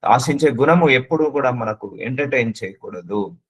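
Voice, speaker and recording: A man's voice: mid-range voice, expressive, moderate pace, slightly rough, lo-fi sound. A man preaching a sermon, earnestly addressing the listener with repeated questions and slipping English words into his speech.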